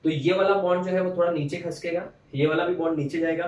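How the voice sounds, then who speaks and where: Male teacher, fairly high voice, quizzing his class and answering for them; roomy, distant mic. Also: steady tone, quick pace. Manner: explains step by step, quizzes the students and answers for them. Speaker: chemistry teacher. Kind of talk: classroom lecture.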